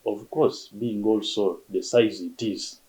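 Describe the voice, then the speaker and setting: A man speaking unscripted in an interview as a park official, reflective and halting. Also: fairly low pitch, dark tone, rough recording.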